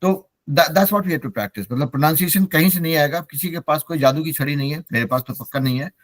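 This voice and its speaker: A man's voice: a little high, a little fast, no room sound. A middle-aged man, a native Hindi speaker, teaching an online English class and mixing Hindi with English as he encourages his students.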